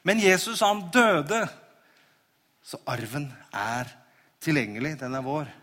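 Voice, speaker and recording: A man's voice: fairly high pitch, very animated. Preaching man in a reverberant hall. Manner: conversational preaching, drops to hushed near-whispers for intimate moments. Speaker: pastor. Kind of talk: sermon.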